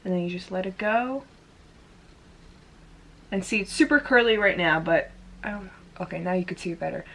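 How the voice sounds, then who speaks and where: A woman's voice: on the low side, moderate pace, fairly bright tone. A woman talking casually through a hair tutorial, chatty and full of "like" fillers. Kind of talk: casual step-by-step demonstration. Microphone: camera in front of her.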